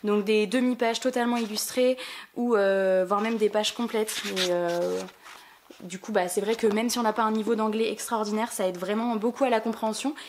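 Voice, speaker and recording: A woman's voice: medium pitch, steady tone, normal speed, a little mellow, slight background noise. A woman with a French accent chatting casually on her book vlog, full of fillers and restarts. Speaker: book vlogger. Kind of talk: casual book haul chat.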